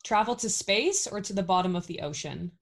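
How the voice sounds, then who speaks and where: A woman interviewer, upbeat, asking quick rapid-fire questions. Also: mid-range voice, animated, vocal fry, background noise. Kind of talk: casual interview.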